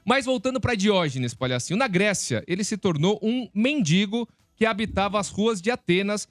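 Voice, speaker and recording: Teasing Brazilian radio host, dry sound. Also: male voice, sits high, lively intonation, moderate pace, no echo, faint music behind. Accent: Brazilian Portuguese. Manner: teasing, explanatory, calls co-host "palhacinho". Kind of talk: casual chat. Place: radio studio.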